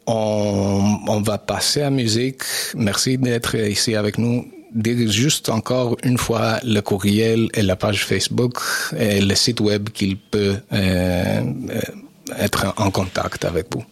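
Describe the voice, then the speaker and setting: Slow, low-voiced bilingual host. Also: male voice, steady tone, no echo. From Montreal. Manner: switches between French and English mid-sentence. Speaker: radio host. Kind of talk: radio interview.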